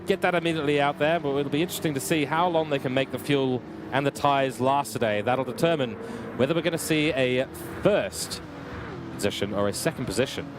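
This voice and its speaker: A young man commentates a virtual motor race with steady energy that lifts at each incident. His voice sits a little high and sounds slightly worn. Constant car engine noise runs clearly behind him. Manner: energetic, rising with excitement at incidents. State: losing his voice. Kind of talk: live sim racing commentary.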